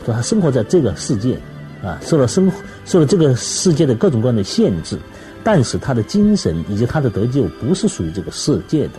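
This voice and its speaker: A man, a scholar, explaining his views in a measured, deliberate interview manner. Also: mid-range voice, very animated, dark tone, soft background music. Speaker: scholar and lecturer.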